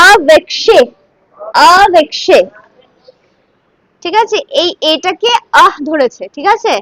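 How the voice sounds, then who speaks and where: High bright woman teaching recitation. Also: no room sound, poor audio. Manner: coaxing, asks students to repeat syllables. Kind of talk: line-by-line Sanskrit pronunciation lesson.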